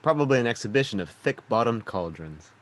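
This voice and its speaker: A man's voice: medium pitch, animated, a little fast, lightly acted. A man voicing a sardonic teenage boy wizard who mutters dryly. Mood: wry. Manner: muttering, dry.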